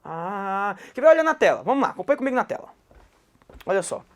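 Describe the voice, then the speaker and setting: A male Portuguese teacher with a Goiás accent gives an anecdotal grammar lecture. His pitch swings widely as he tells stories, and he slips into the voices of the people he quotes. The delivery is animated and conversational. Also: quick pace. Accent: Goiás Brazilian Portuguese. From Goiás, Brazil.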